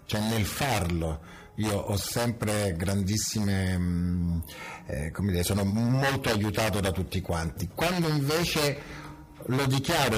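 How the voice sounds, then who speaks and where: A man photographer answering interview questions in a frank, provocative way, often searching for his words. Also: lowish voice. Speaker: photographer and creative director.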